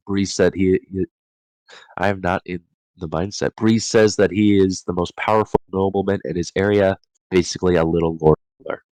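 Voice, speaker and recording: A man's voice: low voice, no room sound, poor audio. A man hosting a casual book discussion, reading chapter summaries from his notes and often stumbling and correcting himself.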